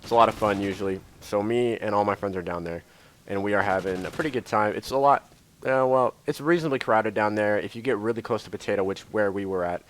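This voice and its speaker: A man's voice: fairly low pitch, quick pace. A young man from Idaho casually telling a rambling story over video game footage, full of filler words and swearing. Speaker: YouTuber.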